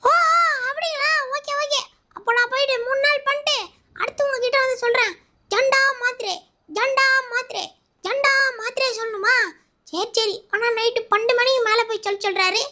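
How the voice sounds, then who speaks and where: A performer voicing a mischievous little schoolboy who whines and pleads, often close to tears, in a squeaky high voice. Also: steady tone, brisk. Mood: eager. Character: mischievous little schoolboy Shinchan, fretful about exams. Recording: loud background noise.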